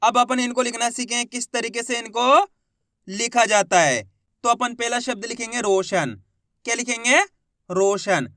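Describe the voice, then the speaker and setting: A man teaching Hindi reading in a slow step-by-step lesson, patiently repeating each word and sounding out syllables. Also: very high-pitched, pushed and bright, no echo, clean studio sound.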